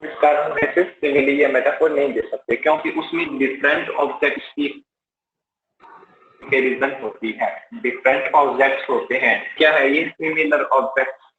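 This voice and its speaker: A man's voice: mid-range voice, fairly even intonation, moderate pace, a bit bright. A man with an Indian English accent teaching a live exam-prep class, explaining step by step and asking and answering his own questions. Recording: roomy, slightly dull live-class audio.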